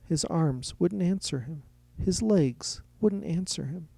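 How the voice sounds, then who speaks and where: Male audiobook narrator, mellow dark timbre, dry close sound. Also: a little high, animated, takes it slowly, creaky, slightly rough, no room sound. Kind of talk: scripted story narration.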